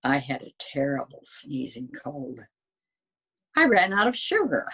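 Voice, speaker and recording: A woman's voice: extremely low pitch, sing-song, unhurried, sharp tone, slightly rough, full character voice. A woman voicing a sly, folksy storybook wolf who protests his innocence in a conversational way. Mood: folksy, incredulous. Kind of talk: dramatic children's storybook reading.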